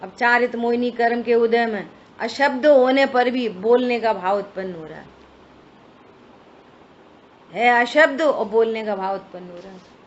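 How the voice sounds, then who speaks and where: A woman's voice: on the high side, measured pace, pauses often. A woman giving a religious study discourse, explaining step by step and asking her listeners rhetorical questions. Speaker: scripture teacher. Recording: dull lo-fi recording with faint hiss.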